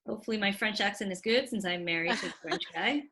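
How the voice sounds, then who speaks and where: Bright-voiced woman hosting a webinar. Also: mid-range voice, fast, husky. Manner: chatty, upbeat, reads out audience comments. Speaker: webinar host. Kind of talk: casual hosting of an online talk.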